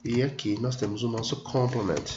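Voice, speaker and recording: A man explains a grammar lesson at a patient pace, stretching his example sentences and pausing to check that his students follow. His voice sits in a middle pitch. It echoes around the room, and the computer mic makes it sound dull and lo-fi. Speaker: English teacher. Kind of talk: screen-recorded grammar lesson.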